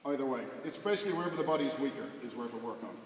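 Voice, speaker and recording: A male martial arts coach runs a hands-on class demonstration, explaining casually between short, clipped commands in a medium-pitched, animated, racing voice. A distant camera microphone records him in a large, echoey indoor training hall with clear background noise.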